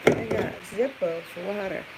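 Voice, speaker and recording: Loud farm noise with clucking chickens and a rooster surrounds a woman's medium-pitched voice. She talks casually into a handheld camera as she does chores, thinking aloud and chatting to viewers and to the animals. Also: moderate pace, creaky. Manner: rambling, thinking aloud while busy with chores; coos and chats to animals in questions. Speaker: livestream host doing farm chores. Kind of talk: casual chatty livestream walk-about, talking to viewers and animals. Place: farmyard, barn and chicken coop. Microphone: handheld phone or camera.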